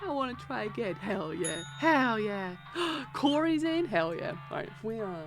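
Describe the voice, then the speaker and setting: A young woman streaming live, chatting casually and excitably while she plays a trivia game, giggling and swearing often. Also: fairly high pitch, normal speed. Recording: game music playing behind.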